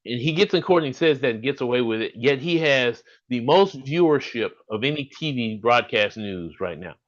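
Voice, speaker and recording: A man's voice: mid-range voice, lively intonation, moderate pace, dull audio. Earnest Southern man in his fifties. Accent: Southern US (Alabama). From Alabama, US. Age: 50s. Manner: earnest, rambling, restarts sentences. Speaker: podcast host. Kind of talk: casual monologue over a video call. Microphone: video call.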